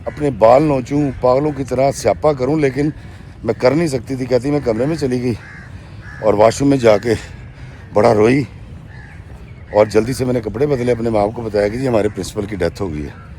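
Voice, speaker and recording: A man's voice: mid-range voice, mellow, a little hiss or hum. A man narrating a true story to his viewers, retelling a woman's account in her own words and often adding "she says", and sometimes calling his listeners friends. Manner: addresses listeners directly as friends.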